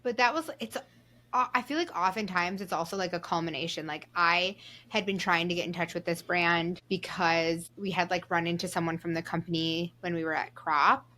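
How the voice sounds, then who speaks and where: Easygoing woman podcast co-host, lowish voice. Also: normal speed. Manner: relaxed, agreeable, steers the talk along. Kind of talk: casual chat.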